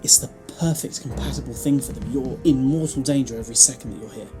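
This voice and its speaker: A grave, protective time traveller , played by an actor in a sci-fi audio drama, with a medium-pitched voice. The delivery is urgent and emphatic, and strong dramatic music runs underneath. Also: fast talker, natural voice. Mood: urgent warning.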